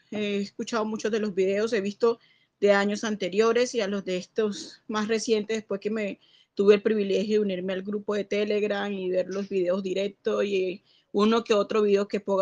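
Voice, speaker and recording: Venezuelan woman, mid pitch, hesitant caller who rambles. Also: darkish tone, muffled recording. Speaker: participant on a call. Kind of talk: casual call-in question.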